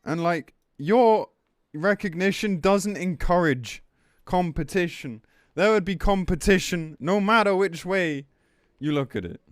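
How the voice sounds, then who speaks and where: This game streamer's voice sits high and unhurried, with hardly any pauses, as he reads and reacts to news in a casual livestream rant. He comes across blunt, sweary and exasperated. The audio is clean studio sound with no room sound.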